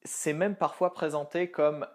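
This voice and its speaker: A man's voice: fairly high pitch, fairly even intonation, measured pace. A young man giving a casual online lesson, thinking aloud with many fillers and restarts. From France. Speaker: language teaching coach.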